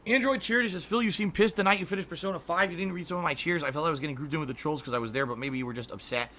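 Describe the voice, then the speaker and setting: A middle-aged man chatting casually on a livestream, reading viewer messages, rambling with frequent restarts and throat clearing. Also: on the high side, steady tone, rapid-fire, bright, forceful tone. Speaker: streamer.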